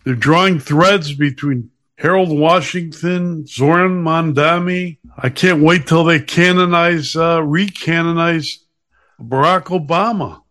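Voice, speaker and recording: A man's voice: a little high, takes it slowly, fairly bright tone. A man from Chicago hosting a podcast, reading sponsor spots and sounding off in a sarcastic, combative way. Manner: sarcastic, combative, slips into mocking voices. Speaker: podcast host. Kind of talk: opinionated podcast monologue with sponsor reads.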